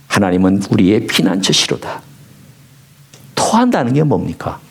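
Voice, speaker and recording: A man preaching a sermon as pastor, swinging from low hushed lines to high emphatic ones. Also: wildly swooping pitch, normal speed, vocal fry, breathy edge. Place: church sanctuary.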